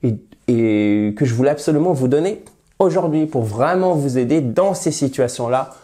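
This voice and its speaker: A man teaching English in a video lesson, speaking lively and directly to viewers with rhetorical questions. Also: medium pitch, moderate pace.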